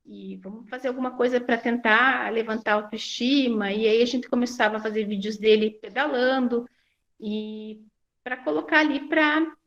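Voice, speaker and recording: Woman speaker for a support group, slightly high voice, hesitant delivery, muffled recording. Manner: hesitant, many restarts and fillers. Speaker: guest speaker.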